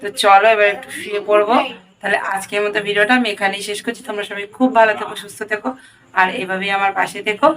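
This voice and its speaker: A woman's voice: mid-range voice, level tone, very fast, crowd noise. Chatty woman vlogger talking to viewers. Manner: talks directly to viewers, friendly and chatty. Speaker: vlogger and home tutor. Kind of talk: casual chatty daily vlog.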